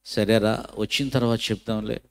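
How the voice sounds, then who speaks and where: A middle-aged male pastor preaching a sermon in Telugu and telling a story, with big swings of pitch and loudness as he acts out its characters. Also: steady tone, normal speed, gravelly.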